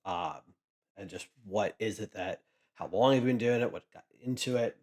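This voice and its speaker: Man, low voice, casual rambling chat, lots of restarts, card-collecting vlogger. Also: normal speed, a little mellow. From Pennsylvania, US. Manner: rambling, chatty, with many restarts. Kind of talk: casual chat while sorting cards.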